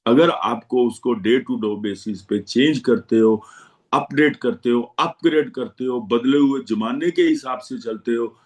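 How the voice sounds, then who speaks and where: A man's voice: mid-range voice, unhurried, a little mellow. A man speaking as a guest to financial advisors, giving a motivational talk in which he repeats his slogans to rally them. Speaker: guest speaker on insurance and investment.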